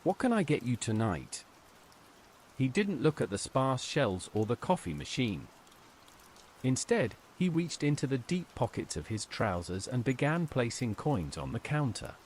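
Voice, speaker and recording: A man tells a scripted horror story in the first person, his pitch typical for a male voice but swinging widely with expression. He speaks at normal speed, with soft rain and slight background noise behind him.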